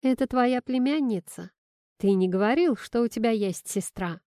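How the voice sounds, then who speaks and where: A woman's voice: a little high, expressive, moderate pace, warm tone, dry recording, studio quality, natural voice. A woman reading the lines of a flustered young woman who turns up with wine, in her own lightly raised voice. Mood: bright. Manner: surprised, then irritated.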